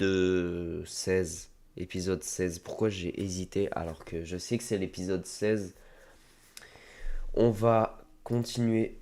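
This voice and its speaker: Streaming a game with a head cold, a man chats casually and rambles to his viewers in let's-play commentary. He has a lowish, darkish voice, picked up by a desk microphone.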